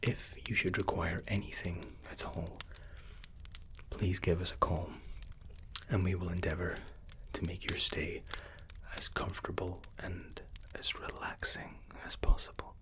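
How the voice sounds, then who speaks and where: A man doing an ASMR role-play, speaking in a soft, unhurried, courteous whisper as hotel and spa staff. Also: low voice, level tone.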